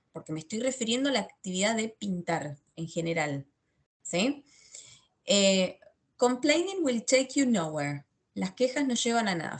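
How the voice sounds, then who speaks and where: A woman teaching an online English class, explaining step by step and often checking in with a questioning "sí?". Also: medium pitch. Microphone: computer mic in an online class.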